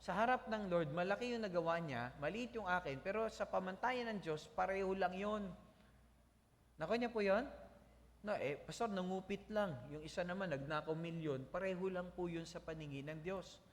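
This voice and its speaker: A man preaching a sermon as pastor, animated and calling out to the congregation for amens. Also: high-pitched, normal speed, in a large hall.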